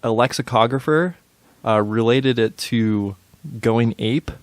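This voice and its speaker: Speaking slowly at a medium pitch with no room sound, this young male podcast co-host keeps things casual. He hesitates a lot, restarting and using plenty of fillers, and laughter comes readily.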